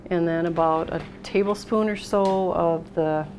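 As a cooking show host, this middle-aged American woman works at a steel worktop indoors and talks through each step of a casual demonstration without hurrying. Her fairly low, slightly mellow voice has fairly even intonation and a measured pace. The kitchen is noisy, with clattering dishes.

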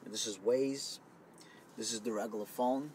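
A man's voice: medium pitch, a little slow, darkish tone. A man giving a loose, conversational product demo inside a car, explaining as he goes, recorded on a camera mic. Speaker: product demonstrator. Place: inside a car, partly outdoors in wind. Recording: faint wind noise on camera mic.

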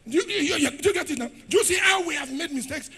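A man with a Nigerian accent preaching a sermon, shouting at times and dropping to low asides. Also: animated, rapid-fire. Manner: rugged preaching style. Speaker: pastor.

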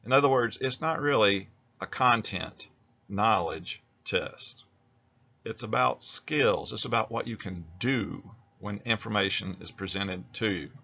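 A man's voice: fairly low pitch, sharp tone, dull audio. An American man narrating an instructional video as a teacher, explaining things in a plain-spoken way.

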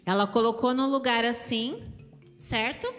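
A Brazilian woman teaching a children's church service, animated and asking the kids questions. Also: on the high side, unhurried. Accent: Brazilian Portuguese. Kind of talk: children's sermon. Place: church hall. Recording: church hall reverb with music behind.

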